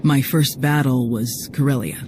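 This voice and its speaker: In a video game cutscene, a woman plays a tough, cocky female security chief who is blunt and wry, her mood somber and bitter. Her rumbling low voice is unhurried with fairly even intonation. Music plays under the voice, with slight background noise.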